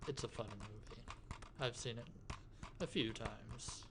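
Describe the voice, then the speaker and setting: A man talking in a soft-spoken ASMR style, gentle and musing, as he rambles casually with tapping sounds around him. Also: lowish voice, unhurried, vocal fry. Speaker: ASMR video host. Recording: clicking, tapping noise behind voice. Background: finger tapping and clicking sounds.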